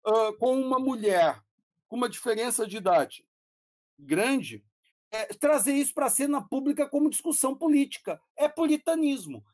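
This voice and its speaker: Here the same sort of speaker, a middle-aged Brazilian philosophy professor with a Brazilian Portuguese accent, has a very high, darkish voice with lively intonation at normal speed. He talks casually and digressively, breaking into laughter and the odd swear word. It's a dry, studio-quality recording.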